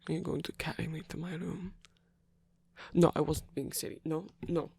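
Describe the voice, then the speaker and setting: Here the performer gives voice to a flirtatious yet flustered, tender rock frontman for an intimate ASMR romance roleplay, using a husky whisper that comes out hesitant and halting. Pitch is medium, the delivery flat and a little mellow, and he sounds playful and shy.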